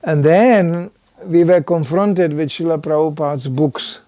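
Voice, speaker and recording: Older guy giving a chatty sermon, says you know a lot, kinda high but mellow voice, dry sound. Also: a little slow, no room sound. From Czechoslovakia. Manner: conversational, animated, frequent "you know". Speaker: preacher. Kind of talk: sermon to a small gathering.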